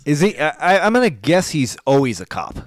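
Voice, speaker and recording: A man hosting a podcast, reviewing a movie in casual chat, laughing loudly and swearing a lot. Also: on the high side, big pitch swings, a little fast, no room sound. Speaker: podcast host.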